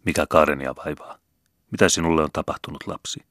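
A man voicing a gentle, kindly male vicar who speaks softly. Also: rumbling low, little pitch movement, dry recording, clean studio sound. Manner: soft and gentle.

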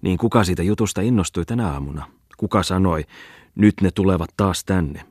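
Grumpy townsman , a man reading him: curt, low and husky, dry close sound. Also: darkish tone, no echo. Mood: grumbling.

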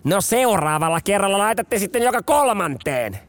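A man voicing a gruff army first lieutenant who barks drawn-out commands at the firing range. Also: high voice, big pitch swings, no room sound, pitched above the performer's own voice. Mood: dry.

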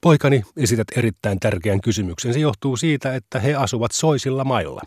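A man voicing a patient, gentle old male sage in a read-aloud story, speaking softly and kindly. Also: mid-range voice, expressive, slightly rough, no echo, clean studio sound.

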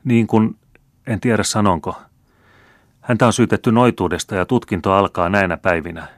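A man's voice: fairly low pitch, fairly even intonation, no echo, clean studio sound, voice pushed up, lightly acted. A man reading the lines of a wise, dutiful young woman in an audiobook, in a grave, pleading way.

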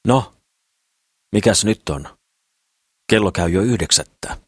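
A man's voice: low-pitched, slightly rough, no room sound, studio quality. A man voicing a suspicious, pious old woman who scolds and disapproves. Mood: grumbling.

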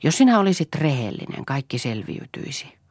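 A woman's voice: very deep voice, sing-song, darkish tone, dry recording, studio quality, exaggerated voice. A woman voicing a weary, pleading young wife.

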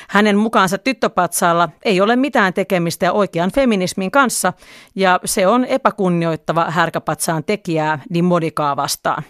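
A culture reporter delivers scripted news narration in a measured, even way. The voice sits at a middle pitch and sounds close and dry, with no room around it. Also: clear, resonant tone, no room sound.

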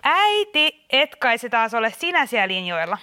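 A woman's voice: high-pitched, sing-song, clean tone. A woman playing an exasperated radio quiz host who keeps catching her mother on the line. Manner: bright presenter patter, scolding. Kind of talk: radio comedy sketch.

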